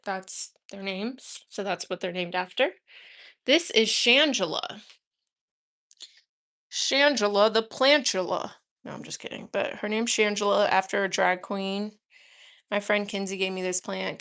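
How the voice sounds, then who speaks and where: A woman's voice: medium pitch, gravelly, sharp tone. A woman chatting casually on a live stream at home, rambling fondly and talking to her houseplants. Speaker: livestreamer offering paid personal readings. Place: her own home, indoors.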